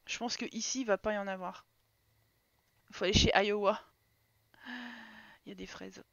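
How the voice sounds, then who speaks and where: A woman's voice: medium pitch, steady tone, normal speed, creaky, a bit bright, no echo. A woman streaming a life-simulation game live, chatting with viewers and laughing as she reacts to what happens on screen. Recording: dry, slightly dull sound.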